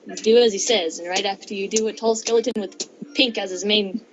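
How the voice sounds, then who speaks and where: Friends chatter and laugh clearly around a young woman as she reads them fan fiction, giggly, tripping over words and adding jokes. Her voice is medium-pitched, steady in tone and a little quick, captured on a dull lo-fi mic.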